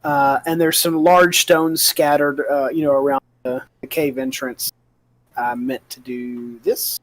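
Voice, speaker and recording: A man narrating a tabletop game as game master, improvising in a halting, hesitant way with many pauses. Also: medium pitch, level tone, no echo, faint music behind, low-quality recording.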